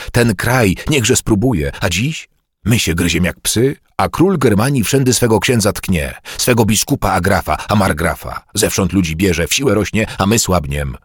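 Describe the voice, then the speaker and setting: A man's voice: fairly low pitch, breathy edge, no room sound, clean studio sound, pitched above the performer's own voice. A man voicing a stern medieval lord who talks in an urgent, insistent way. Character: stern older male Slavic lord, forceful.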